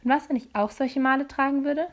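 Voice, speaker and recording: A sarcastic fifteen-year-old girl, voiced by a woman reading a storybook. Her lines sit higher than the narration and land with quick, pointed wit. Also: fairly even intonation, natural voice.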